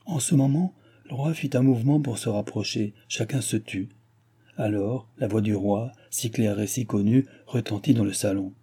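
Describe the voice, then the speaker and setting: A man reading a classic novel aloud as the narrator, in a measured, even storytelling delivery. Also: on the low side, husky. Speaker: audiobook reader.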